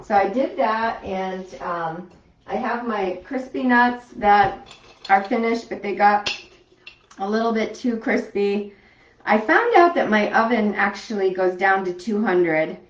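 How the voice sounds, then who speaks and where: A woman's voice: medium pitch, measured pace. A woman chatting casually as she demonstrates food at home, rambling with frequent ums and restarts. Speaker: home cooking vlogger. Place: home kitchen. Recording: echoey room, distant dull mic.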